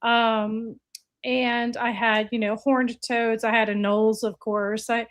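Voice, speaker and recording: Slow and unhurried, she speaks in a slightly high voice with a level tone. She's a woman in her late forties with an American accent, formerly of Florida and now in Virginia, casually chatting as a podcast guest who breeds reptiles.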